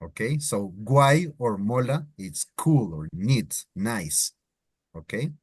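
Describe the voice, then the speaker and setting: Latin american guy hosting a live spanish slang lesson, draws out his words, middle-pitched voice. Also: very animated, slow, darkish tone, slightly rough. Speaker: Spanish teacher.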